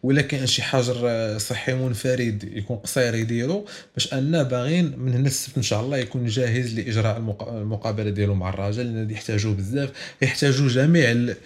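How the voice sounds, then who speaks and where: A man's voice: mid-range voice, rapid-fire. A man with a Moroccan accent hosting a casual football podcast, talkative and insistent, slipping in French words. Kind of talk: casual sports podcast chat mixing in French.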